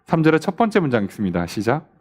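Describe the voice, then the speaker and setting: A pastor with a medium-pitched voice talks fast as he leads a midweek Bible study at church. He's animated, putting questions to the class and acting out what the scoffers said, mimicking their words.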